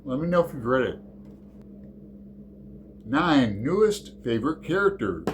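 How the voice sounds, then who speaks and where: Against a noisy background, a man with a lowish voice hosts his book channel. He talks through a casual book tag in a meandering, unsure way, leaning heavily on fillers.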